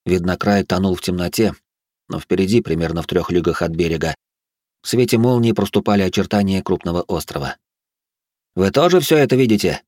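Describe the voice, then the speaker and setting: Deep male narrator, measured fantasy audiobook reading, dry booth. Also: darkish tone, no room sound.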